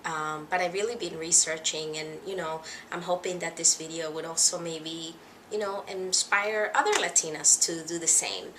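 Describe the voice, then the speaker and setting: A woman's voice: fairly low pitch, steady tone, moderate pace, background noise. A young woman from the Dominican Republic talking casually to camera in a vlog, hesitant and a little nervous, with many fillers. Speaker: vlogger.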